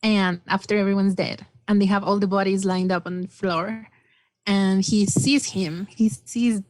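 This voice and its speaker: Female podcast guest, animated and enthusiastic, dry close recording. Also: mid-range voice, a little slow, dry recording. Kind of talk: casual film discussion.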